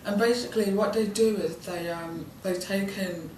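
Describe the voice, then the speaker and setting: A British student intern, aged nineteen and a first-language user of British Sign Language, rambles through informal interview answers, hesitant and full of ums and likes. She speaks at a normal speed in a steady, medium-pitched voice with a darkish tone. Echo, background noise, and a distant mic affect the recording.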